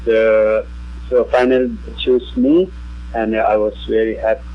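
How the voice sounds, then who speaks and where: A man with a Tibetan accent, speaking halting, broken English as a musician guest in a radio interview. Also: on the low side, little pitch movement, dull audio.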